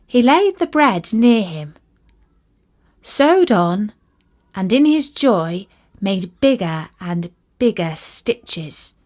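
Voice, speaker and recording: Reading aloud from a children's fairytale script, a woman uses a deliberate, expressive storytelling style. Her voice sits at a medium pitch.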